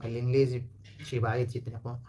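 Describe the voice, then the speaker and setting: A man's voice: medium pitch, brisk. Man teaching, Pashto native. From Afghanistan. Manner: explains patiently, repeats words to show pronunciation. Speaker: language teacher. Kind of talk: casual spoken lesson.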